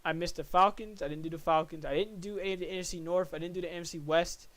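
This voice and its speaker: A man's voice: sits high, fairly even intonation, fast talker, fairly bright tone. A young man hosting a casual solo podcast, rambling and correcting himself as he thinks aloud through sports predictions. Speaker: podcast host.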